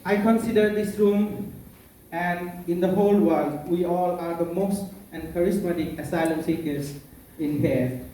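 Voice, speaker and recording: Young Bangladeshi man, a bit high-voiced, earnest public speaker; distant mic, faint room hum. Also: steady tone, a little slow, warm tone. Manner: earnest, non-native phrasing, playful asides. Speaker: conference keynote speaker. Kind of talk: public speech. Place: conference room. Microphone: far from the mic. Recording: echoey room, mic far off.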